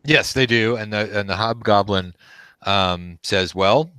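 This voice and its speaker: Man, game master, lowish voice, halting tabletop narration, dry close sound. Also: steady tone, pushed and bright, smooth, no room sound. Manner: halting, searching for words. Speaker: game master, host of the live play.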